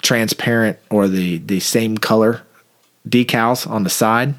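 Brief: male cop, lower voice, casual animated storyteller. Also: measured pace. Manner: animated anecdote with acted-out quotes. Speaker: police officer.

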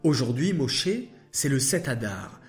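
Man doing a calm, kind divine voice. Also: mid-range voice, soft background music, lightly acted. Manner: measured, gentle. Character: calm, kind divine voice addressing angels and a prophet.

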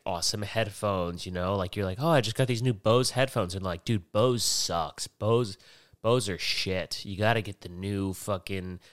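A man's voice: low voice, a bit bright, clean tone, no echo, clean studio sound. A man hosting a casual solo podcast, rambling and swearing freely, wearing headphones at a podcast mic. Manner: profane, rambling, self-mocking. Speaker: podcast host.

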